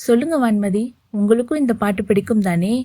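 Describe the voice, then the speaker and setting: A woman doing a jittery, polite young man who keeps fretting, in a romance audiobook. He has a higher voice than most men, heard close and dry. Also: brisk, warm tone, no room sound, lightly acted. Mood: nervous. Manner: nervous, polite.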